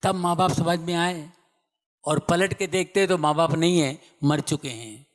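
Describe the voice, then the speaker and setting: A middle-aged man preaching a sermon and sharing his testimony, speaking emphatically and repeating phrases as he swings from loud to hushed. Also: on the high side, measured pace. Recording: long hall reverb.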